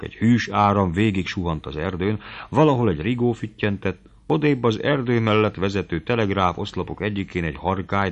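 Male audiobook narrator, low-pitched, expressive and dramatic; dull muffled recording. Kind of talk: audiobook reading of a classic novel.

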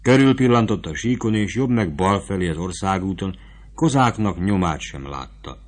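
Casting: low-voiced male narrator, steady audiobook reading. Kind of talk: scripted narration.

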